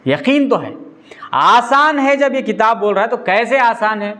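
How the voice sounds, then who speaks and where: A man's voice: high-pitched, animated, a little slow, bright, forceful tone. A man giving a conversational religious talk as a preacher, putting questions to his listeners. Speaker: Islamic preacher.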